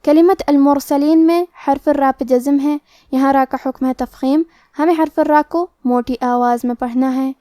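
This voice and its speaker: A woman teaching a recitation lesson, explaining each rule and then reciting the words slowly and drawn out. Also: high-pitched, steady tone, warm tone, no room sound, clean studio sound. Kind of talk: tajweed lesson.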